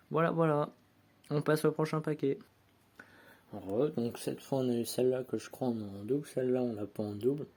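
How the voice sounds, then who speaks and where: In a mellow mid-range voice with a breathy edge, a man rambles to his viewers while unboxing sticker packs at home. He sorts every card out loud and jokes at his own expense, all recorded on a phone held in hand rather than on a tripod.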